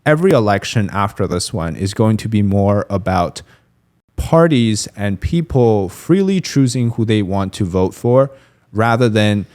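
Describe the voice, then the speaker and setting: This male podcast guest speaks at a measured pace in a fairly low, darkish, animated voice. As a commentator he analyzes politics with care, though his speech is full of fillers and restarts.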